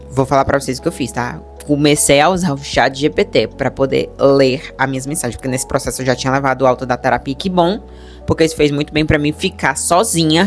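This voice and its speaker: Fast-talking low-voiced Brazilian woman. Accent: Brazilian Portuguese. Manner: chatty, animated, addresses viewers as "gente". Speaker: vlogger. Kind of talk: personal storytelling to viewers.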